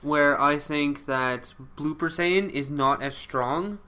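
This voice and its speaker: A man's voice: on the high side, slow pace, sharp tone, clear, resonant tone. A man co-hosting a podcast in casual chat, giving blunt opinions and short dry replies. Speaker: podcast co-host.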